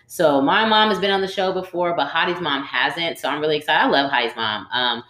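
A woman co-hosting a podcast in casual chat, animated and quick to exclaim. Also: deep voice. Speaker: podcast co-host. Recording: roomy echo.

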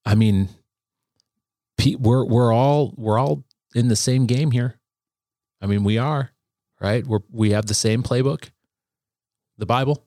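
A man in a casual faith conversation, speaking reflectively with frequent halting restarts. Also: medium pitch, warm tone, no room sound, studio quality.

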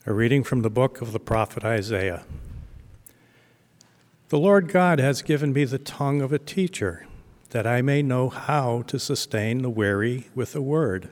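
A man reading scripture aloud in a church, slow and deliberate, with cathedral echo around his voice. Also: mid-range voice. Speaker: scripture reader. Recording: long church hall reverb.

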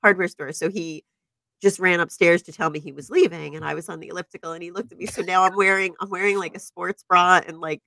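Lower-voiced woman, animated podcast storyteller. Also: fast talker, vocal fry, dry recording. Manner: animated storyteller, laughs often. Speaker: podcast co-host. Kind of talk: casual chat. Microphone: podcast microphone.

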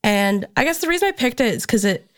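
A woman from Minnesota, a guest in a studio interview, talking in an easygoing, unhurried way and often laughing. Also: fairly high pitch, sing-song, clean tone. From Minnesota, USA. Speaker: guest, graphic designer. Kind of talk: casual interview chat. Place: recording studio.

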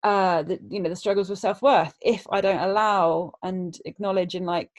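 A woman's voice: medium pitch, fairly even intonation. A woman speaking reflectively in a casual conversation, hesitant and restarting her sentences often. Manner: hesitant, halting, frequent restarts.

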